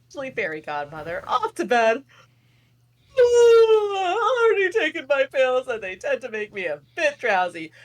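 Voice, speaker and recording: A woman reads a nervous old king who frets and stammers his way through every excuse. The voice sits fairly high and leaps around in pitch, with an unhurried, drawn-out delivery. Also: wildly swooping pitch, exaggerated voice. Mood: flustered. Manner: fretful, stammering, dramatic sighs. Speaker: reader. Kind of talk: live table read.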